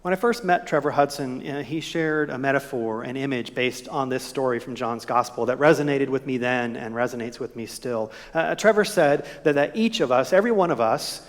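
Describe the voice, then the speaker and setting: A male pastor preaching a sermon in a church, expressive, at times dropping his voice almost to a whisper. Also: mid-range voice, moderate pace, hardly any pauses. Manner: expressive preaching, drops to near whisper at moments. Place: church sanctuary. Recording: echoey church hall.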